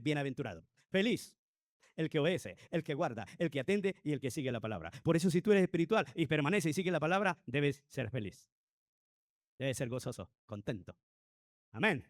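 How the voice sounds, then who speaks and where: A pastor teaching Sunday school, preaching emphatically and firing rhetorical questions at the congregation. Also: male voice, fairly high pitch, no room sound, clean studio sound.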